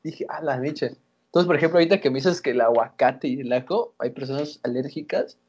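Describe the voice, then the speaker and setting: Husky Mexican man telling stories. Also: medium pitch, a little fast. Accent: Mexican Spanish. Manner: animated storyteller, laughs, slangy. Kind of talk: casual chat. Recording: lo-fi recording.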